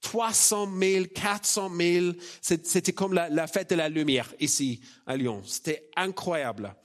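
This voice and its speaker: A high-voiced man gives a chatty, personal sermon in French, his Australian accent showing that English is his first language. He preaches informally, with halting phrasing and a self-deprecating touch.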